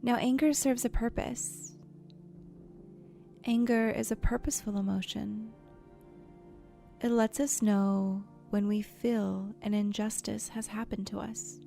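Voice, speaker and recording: A guided meditation host leads a visualization in a soft, mellow, mid-range voice with noticeable vocal fry and a steady tone. She speaks gently and soothingly with unhurried pauses, sometimes turning breathy, while soft music plays faintly beneath.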